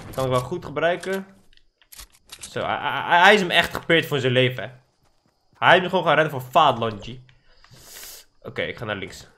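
A young man narrating his own Fortnite match for his viewers. His bright, fairly high voice swings up and down a lot, and he is excitable and swears, dropping in English slang as he plays. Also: a little hiss or hum. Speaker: gaming YouTuber. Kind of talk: live Fortnite commentary.

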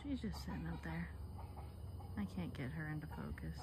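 A woman filming birds in her yard on a phone, quietly narrating what she sees in a casual way. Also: deep voice, huge pitch swings, moderate pace, background noise. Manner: softly commenting while filming wildlife. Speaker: homestead vlogger. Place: outdoors in a yard by a house. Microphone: phone camera held by the speaker.

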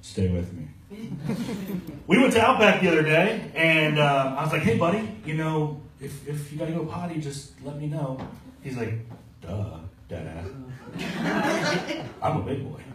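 A man's voice: a little high, very animated, a little slow, pauses often, a little hiss or hum. A man in his thirties from Maryland doing a brash, profane stand-up set on a small club stage, acting out the people in his stories. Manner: brash, profane storytelling, acts out quoted voices. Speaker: stand-up comedian. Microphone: handheld mic, filmed from the audience. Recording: roomy club sound from far off, loud audience laughter. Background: audience laughter.

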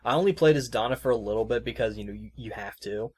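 A man's voice: medium pitch, quick pace, a little mellow, slightly rough. A male podcast host with an ordinary mid-range voice, talking loosely about a game. His sentences wander and restart, and he pads them with fillers. His tone stays casual and easygoing. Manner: rambling, loose and conversational with many fillers. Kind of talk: casual chat.

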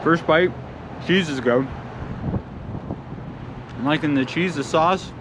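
A man's voice: fairly high pitch, takes it slowly. A man talking casually while chewing as he reviews a pizza, chatty and upbeat, outdoors by a parking lot. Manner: chatty, upbeat, filler-heavy. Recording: outdoor traffic noise.

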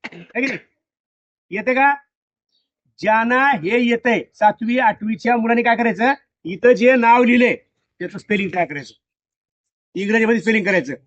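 A man's voice: very high voice, lively intonation, normal speed, pauses often, fairly bright tone, no echo. Male teacher in a classroom, keeps firing the same question at pupils, dry, dull lo-fi recording. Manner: repeats questions to pupils, drilling. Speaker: school teacher.

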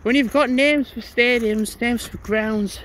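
A man's voice: very high voice, steady tone, unhurried, a bit bright, low-quality recording. A man, chatting casually as he walks outdoors with a handheld camera, thinking aloud and reading signs as he goes. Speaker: vlogger. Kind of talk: casual walking vlog narration. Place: outdoors on snowy paths by a stadium. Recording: wind noise on an outdoor mic.

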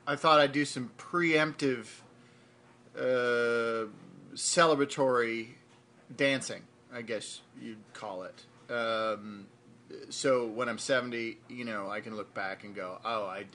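A man in his thirties hosting a comic web vlog, talking in a rambling, hesitant way into a phone camera propped up in his house. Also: mid-range voice. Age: 30s. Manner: rambling and hesitant, then loud chanting while dancing. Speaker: web show host. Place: rooms of a house. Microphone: phone camera propped nearby.

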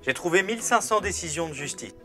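A man voicing a cheeky male AI assistant, speaking in a robot voice with a flat, matter-of-fact delivery. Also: sits high, fast, faint music behind.

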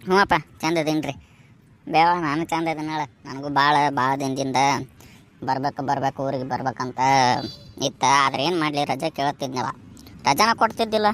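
A man's voice: a little high, normal speed, fairly bright tone, lightly acted. A man with a North Karnataka Kannada accent voicing a polite young adult son home from the city in a cartoon. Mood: respectful. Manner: respectful and polite.

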